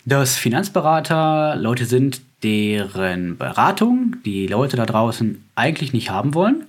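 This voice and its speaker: A man hosts a podcast in a casual, chatty style. His medium-pitched voice has a husky edge. He talks colloquially and likes to tease. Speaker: podcast host, financial adviser. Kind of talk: casual chat.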